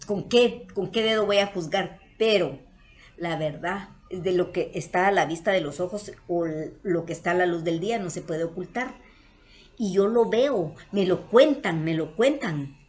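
A woman's voice: fairly low pitch, darkish tone. A woman with a Guatemalan Spanish accent, telling a personal story to her viewers in a casual, earnest way. She often repeats herself and calls her audience her loves. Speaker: vlogger.

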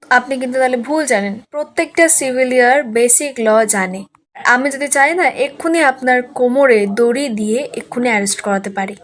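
A woman's voice: high-pitched, fairly bright tone. A woman quoting a bold female professor who scolds and defies a powerful man. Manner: scolding and defiant. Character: bold, sharp-tongued female college professor.

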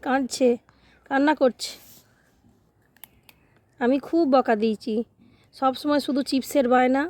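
A woman with a Bengali accent talks in a high, light voice to her small daughter, coaxing her in soft baby-talk and gently scolding her. She turns now and then to speak to her viewers in the easy tone of a casual family vlog. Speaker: vlogger mother.

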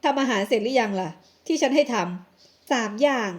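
A woman's voice: high voice, expressive, brisk. A woman voicing a bossy rich young man in an audio drama, curt and dismissive.

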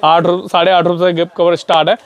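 A young man with a notably high, light voice talks casually into a lapel mic while walking through a parts shop. He repeats prices aloud and addresses his viewers like a brother. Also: level tone, fast talker. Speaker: vlogger touring a shop. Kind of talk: casual shop tour vlog. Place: indoor auto parts shop and warehouse.

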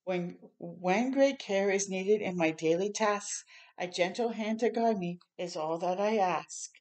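This older woman's storytime reading comes with chatty, encouraging asides to the kids. She speaks at medium pitch, a little slowly, with a somewhat mellow sound. She's recording indoors in a small room at home.

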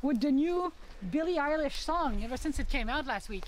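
A woman's voice: high voice, expressive, normal speed, a little hiss or hum, poor audio. A woman chatting and teasing a friend on a forest hike. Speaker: hiking friend. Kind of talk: casual chat. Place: forest outdoors.

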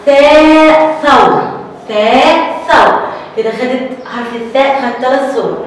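A woman with an Egyptian Arabic accent leads a children's alphabet lesson with a slightly high voice. She draws out every letter sound slowly and clearly for little ones. The recording is distant and echoey, with a long hall reverb. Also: fairly even intonation, slight background noise. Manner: slow, drawn-out sounding of letters for small children. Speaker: kindergarten teacher.

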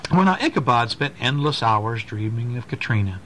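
A dad reads a bedtime story expressively to a young child, pausing now and then to explain and ask questions. He speaks at a normal pace in an expressive mid-range voice, captured in a noisy amateur recording at home.

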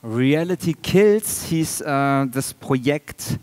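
A man's voice: mid-range voice, lively intonation, a little mellow, dry recording. Man presenting his work on stage. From Iran. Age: 30s. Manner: halting, many fillers, dry humor. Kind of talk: conference presentation. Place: large dark auditorium stage. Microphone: headset mic.

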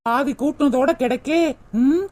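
A woman's voice: high-pitched, unhurried, a little mellow. A woman voicing a young daughter-in-law in a cartoon, making wry, complaining asides with a southern Tamil accent. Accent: southern Tamil, Tirunelveli.

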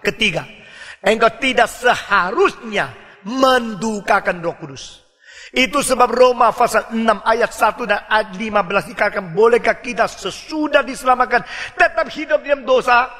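Guy preaching, high bright voice, shouts the big words, long hall reverb. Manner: emphatic, rising to shouts on key words. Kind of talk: sermon.

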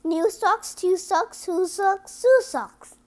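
Reading a children's picture book aloud, this woman takes it deliberately, one word at a time, and talks with her audience along the way. Her voice is very high.

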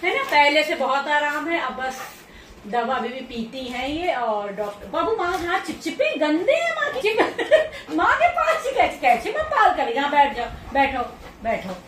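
A woman with a high voice chats to her pet dogs in coaxing baby talk, scolding them softly and laughing along the way. She is recorded at home. The room echoes, and she sits back from the mic with a faint hiss of noise behind her. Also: sing-song, a little slow, far from the mic. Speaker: pet owner vlogger. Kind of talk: casual vlog, talking to pets.

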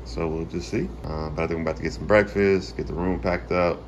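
An easygoing vlogger father talks fast in a low, steady voice while recording a casual travel vlog on a phone camera held at arm's length. Moving between the car, a hotel and outdoors, he repeats phrases and chats to his son, and the audio carries a little hiss or hum.

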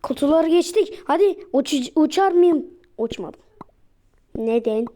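A woman giving casual, excitable commentary while playing a mobile game, repeating her cheers over and over. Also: sits high, unhurried, a little hiss or hum.

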